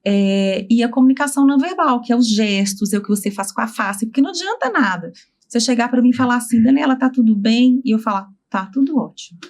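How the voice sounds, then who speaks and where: A woman's voice: fairly high pitch, expressive, fast. A woman speech therapist being interviewed, earnestly explaining her work with examples and quoted dialogue.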